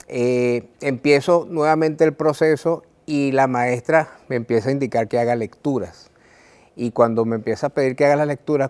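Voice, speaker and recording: A Venezuelan man, a writer, speaking earnestly and reflectively to the viewer about his life, with frequent "eh" pauses and repeated words. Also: medium pitch, darkish tone. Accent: Venezuelan Spanish. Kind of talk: reflective personal talk to camera.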